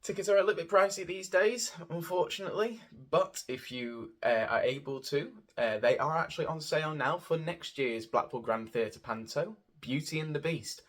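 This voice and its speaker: A man with a slightly high voice, speaking at normal speed with few pauses, reviews a theatre show to camera as a vlogger. His casual take is gushing and rambling, and he often repeats words for emphasis.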